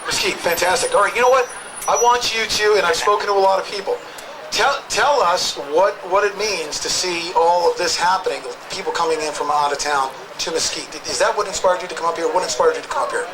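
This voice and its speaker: Amid the noise of an outdoor protest crowd, a high-pitched man emcees a live rally. Upbeat and fast-talking, he jokes around while calling up speakers one after another.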